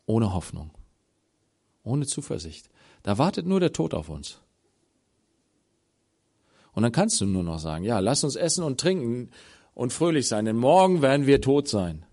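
Preaching in a voice on the low side, this man acts out biblical dialogue. His delivery shifts between hushed tones and loud appeals.

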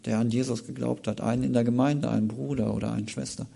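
A man preaching a Sunday morning sermon, reading scripture aloud and then commenting on it in a casual, lively way. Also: medium pitch, fast, vocal fry.

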